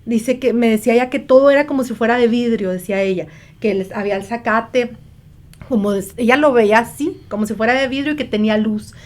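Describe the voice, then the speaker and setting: A woman's voice: fairly high pitch, fairly even intonation, a little fast, a little mellow. A woman, a mother telling her story earnestly in a conversation and acting out the quoted lines. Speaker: guest, mother sharing testimony. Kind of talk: conversational testimony.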